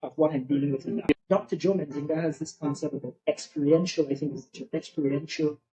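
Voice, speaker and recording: Mellow-voiced man, reflective. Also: fairly high pitch, steady tone, fairly quick, muffled recording. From Barbados. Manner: reflective, philosophical. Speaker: guest. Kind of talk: casual podcast conversation.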